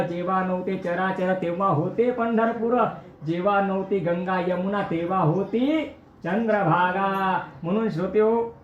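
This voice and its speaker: A man's voice: high voice, a little hiss or hum. A man giving a devotional sermon, telling stories, speaking straight to his listeners and breaking into chanted verses. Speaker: kirtan preacher. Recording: echoey, dull lo-fi recording.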